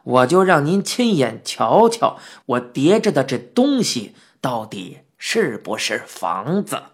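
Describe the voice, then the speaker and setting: A reader voicing a mischievous, playful old man who talks in a gruff, slow, teasing drawl, in a children's story. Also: medium pitch, big pitch swings, voice pushed down, exaggerated voice. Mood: matter-of-fact.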